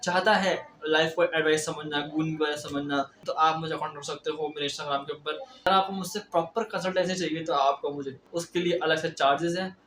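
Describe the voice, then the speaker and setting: A young man giving casual motivational advice in a vlog, talking fast and stressed, mixing in English phrases. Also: on the high side, fairly even intonation, fairly bright tone, a little hiss or hum. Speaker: self-improvement vlogger. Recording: roomy echo.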